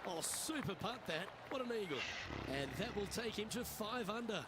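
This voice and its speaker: A man's voice: high-pitched, animated, moderate pace, heavy background noise. A man giving polished broadcast play-by-play commentary in a golf video game. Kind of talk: sports commentary.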